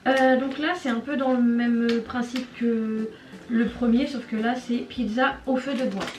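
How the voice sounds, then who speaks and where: A woman's voice: fairly high pitch, steady tone, unhurried, far from the mic, background noise. A woman giving colloquial, opinionated reactions in a casual food-tasting chat as a video host. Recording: roomy, off-mic, music behind. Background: music.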